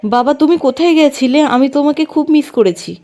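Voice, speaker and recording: A woman voicing an affectionate young boy who missed his father, in her own high voice. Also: a little fast, warm tone, lightly acted. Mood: eager. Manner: eager, childlike.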